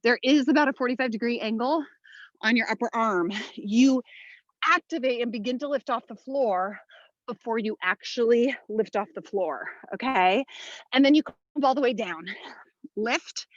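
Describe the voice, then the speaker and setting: A woman with a fairly high voice instructs a home workout. She coaches in motivational, short commands and counts, speaking through physical effort. The sound is very dry and a little dull. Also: normal speed, no room sound. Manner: exerting while talking, audible breaths and sighs. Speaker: fitness instructor, workout host.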